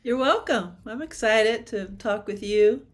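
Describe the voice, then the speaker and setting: This percussionist, a woman in her seventies from Washington state, USA, has a slightly high, unhurried voice. Over a video call she chats animatedly in a casual interview, laughing frequently.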